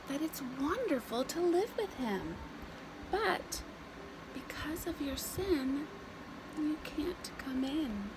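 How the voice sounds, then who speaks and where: There is background noise as a woman on the high side reads a story to small children. Her delivery is expressive and deliberate, built on simple phrases and dramatic pauses.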